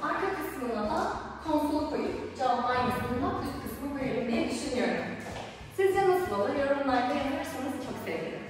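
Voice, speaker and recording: A woman's voice: lively intonation, moderate pace. A young woman chatting to her viewers on a home tour vlog, with her voice echoing through bare, empty rooms as if in a cave. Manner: chatty, addressing viewers directly. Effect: cave-like echo of bare empty rooms. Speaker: vlogger. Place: empty unfurnished apartment indoors. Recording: booming echo in an empty hall, far from the mic.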